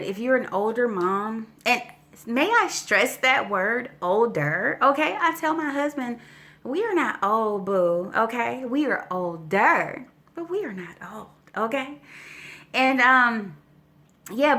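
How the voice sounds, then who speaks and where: Telling a story to her viewers, this woman in her forties keeps it casual, a bit out of breath, frequently tossing in "okay?" and "you know". She has a bright, forceful, mid-range voice.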